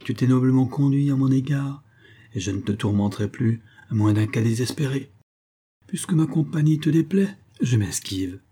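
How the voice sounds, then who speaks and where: A man's voice: medium pitch, normal speed, dark tone, husky, lightly acted. A man reading aloud and voicing a cheerful, scheming male rogue in a mocking, wheedling manner.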